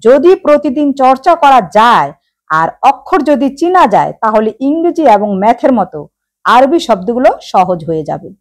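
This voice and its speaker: A woman's voice: fairly high pitch, very animated, normal speed. A woman teaching Quran reading, addressing viewers directly and sounding out letters one by one. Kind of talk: slow instructional explanation.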